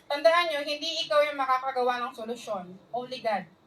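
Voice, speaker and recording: Woman preacher, high voice, earnest sermon, heard from a distance. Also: expressive, a little fast, a bit bright, slight background noise. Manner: earnest, mixing English phrases, asks the crowd for responses.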